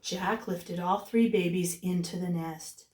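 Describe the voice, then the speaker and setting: A woman reading a storybook aloud to young children as a teacher, with animated delivery and chatty asides. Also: fairly low pitch, unhurried. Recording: roomy echo, distant microphone.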